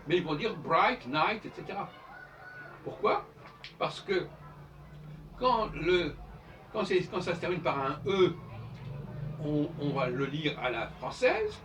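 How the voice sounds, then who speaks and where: A man giving an informal lecture as host of his own channel, explaining in a professorial way and spelling out examples letter by letter. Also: fairly high pitch. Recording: distant mic with faint background noise.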